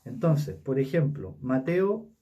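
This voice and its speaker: A man with a Chilean Spanish accent leading a casual Bible study, talking haltingly with many fillers and tag questions. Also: mid-range voice, very animated, recorded from a distance, highs cut off.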